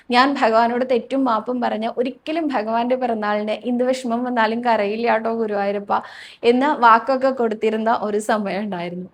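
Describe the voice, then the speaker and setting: A woman hosting a devotional talk, answering viewers' questions and telling personal stories in a soft, reassuring way. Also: a little high. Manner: soft, reassuring, often ends sentences with a friendly tag.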